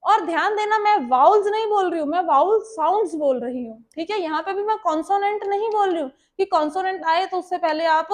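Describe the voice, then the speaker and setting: High-voiced Indian woman teaching grammar. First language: Hindi. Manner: explains step by step, checks understanding often. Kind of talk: classroom grammar lesson.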